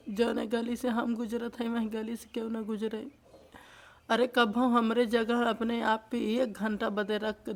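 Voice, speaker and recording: A woman's voice: a little high, creaky. A young woman from eastern Uttar Pradesh with a Bhojpuri-influenced accent, speaking tearfully and lamenting in an emotional interview. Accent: Bhojpuri-influenced Hindi.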